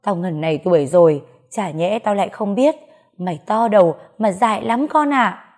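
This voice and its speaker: A woman's voice: mid-range voice, normal speed, a little mellow, lightly acted. A woman voicing a grieving mother who laments tearfully over her daughter. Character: grieving mother, sobbing and pleading.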